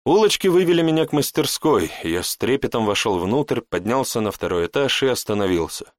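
A man narrating a story in the first person, with expressive storytelling. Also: mid-range voice, a little fast, no echo. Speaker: audiobook narrator. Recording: dry close audiobook recording.

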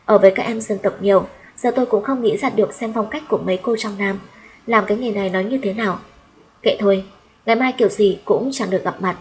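A woman narrating a first-person audiobook story. She reads in a steady, even storytelling manner, with clear and unhurried delivery. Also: mid-range voice, poor audio.

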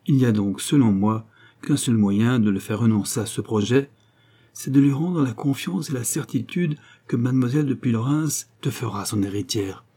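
A man reading the part of an aristocratic mother in an audiobook, pleading her case with measured, earnest persuasion. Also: mid-range voice, warm tone, natural voice. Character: devoted aristocratic mother, middle-aged woman, calm and firm.

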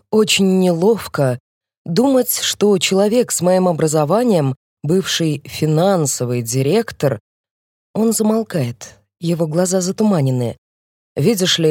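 A woman reading a novel aloud becomes a retired, downcast older man, his voice sinking low and unsteady as he drags out each word. He sounds close to tears, worn down and ashamed. The reading is dry and close, with a husky, mellow tone. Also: dry recording. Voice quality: trembling, downcast. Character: sad elderly man, retired finance director.

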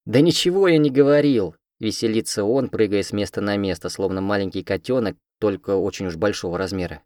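Brief: man voicing a cheeky male spirit cat, teasing, fairly deep, dry read. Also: fairly even intonation, brisk, a little mellow, no room sound, lightly acted. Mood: playful. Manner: teasing, playful, feigning innocence. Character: mischievous giant spirit cat, sly trickster. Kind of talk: audiobook character voice.

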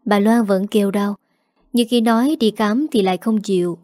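A woman narrating an audio story in a calm, even reading voice. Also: medium pitch, moderate pace, dry recording.

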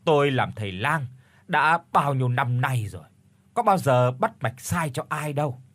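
A man voicing a proud village herbal healer who talks slowly and self-importantly. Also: medium pitch, animated, a bit bright, no echo. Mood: offended.

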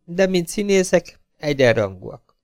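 An unstable actress dependent on morphine, swinging between biting outbursts and near-whispered confessions, as a male audiobook reader puts her on. The voice sits higher than a man's usual talk and jumps around a lot. The recording is close and dry. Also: very animated, no room sound. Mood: feverish. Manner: erratic, feverish, veering from sharp outbursts to hushed murmurs. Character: unstable, morphine-addicted actress, middle-aged woman. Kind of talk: audiobook character reading.

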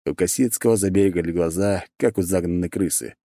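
Male audiobook narrator, low dark voice, lively delivery, dry close sound. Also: a little fast, no echo. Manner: expressive storytelling. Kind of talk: scripted narration.

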